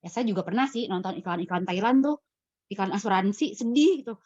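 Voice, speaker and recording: A woman giving public speaking advice in a webinar Q&A, lively and playfully acting out example voices. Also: medium pitch, brisk, no room sound, dull audio. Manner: lively, acts out quotes with expressive voices.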